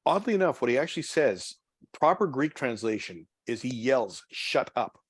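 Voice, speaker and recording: A pastor leading a church study group, talking casually and haltingly with many restarts and repeated words. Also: male voice, medium pitch, sing-song, breathy edge, no echo, clean studio sound. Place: church meeting room.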